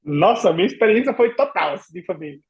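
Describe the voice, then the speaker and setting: Brazilian man, high voice, lively anecdote-teller who acts out every line of dialogue; slightly muffled, lo-fi sound. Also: fast, vocal fry. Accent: Brazilian Portuguese. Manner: animated, acts out remembered dialogue with laughs and exclamations. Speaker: podcast guest, former au pair. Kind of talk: casual storytelling in a podcast interview.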